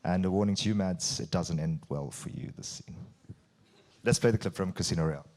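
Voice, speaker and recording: A man hosting an interview, putting prepared questions in articulate, deliberate phrases. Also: deep voice, background noise. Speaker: interviewer hosting an on-stage conversation.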